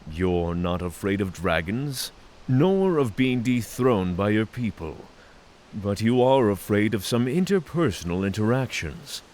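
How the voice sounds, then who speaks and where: Speaking in formal phrases, a man portrays a giant male dragon in mortal company for a fantasy audio drama, sounding courteous, calm and candid. His lowish, darkish voice swings widely in pitch at a somewhat slow pace, and the low-quality recording has clear hiss behind it.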